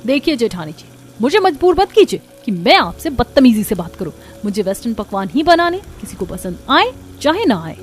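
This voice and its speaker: A woman's voice: fairly high pitch, sing-song, normal speed, faint music behind. A woman voicing a young, stubborn and sassy daughter-in-law in a cartoon story.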